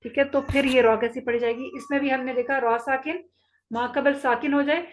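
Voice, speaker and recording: A woman's voice: high voice, steady tone, a little hiss or hum, low-quality recording. A woman teaching an online Quran recitation lesson, patiently repeating each rule and checking that students follow. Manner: patient, repeats rules slowly and checks understanding. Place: online class.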